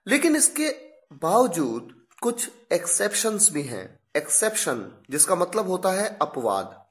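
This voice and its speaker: Woman pronunciation teacher, slow deliberate delivery, animated pitch, repeats sounds for drill. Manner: drawn-out words, repeats sounds for practice. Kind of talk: slow, deliberate classroom explanation.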